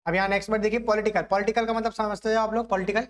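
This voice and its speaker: A young man teaching exam vocabulary, explaining each word with everyday examples and asking the class often if it is clear. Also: sits high, little pitch movement, racing. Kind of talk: vocabulary lesson.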